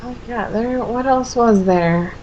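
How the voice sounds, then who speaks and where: A woman's voice: on the high side, slow pace, muffled recording, a little hiss or hum. A woman co-hosting a casual podcast chat, opinionated and dryly sarcastic. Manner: opinionated and wry, sarcastic asides. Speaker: podcast co-host.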